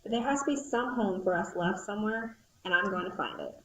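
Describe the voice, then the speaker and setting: A woman's voice: medium pitch, a little fast, roomy sound, a little hiss or hum, lightly acted, rough recording. A woman voicing a determined female worker bee who leads her colony in an amateur audio drama. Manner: resolute, rallying.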